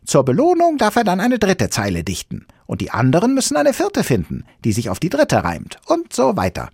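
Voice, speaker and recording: A man's voice: huge pitch swings, a little fast, gravelly, husky, no echo, studio quality, exaggerated voice. A man voicing a cheeky little magical creature with a pig snout, reading a children's book aloud. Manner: shrill, loud, bold. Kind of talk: audiobook reading.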